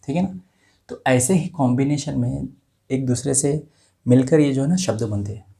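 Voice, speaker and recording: A man teaching a script lesson, saying each letter slowly and carefully and repeating sounds one by one. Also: medium pitch, animated, creaky, warm tone.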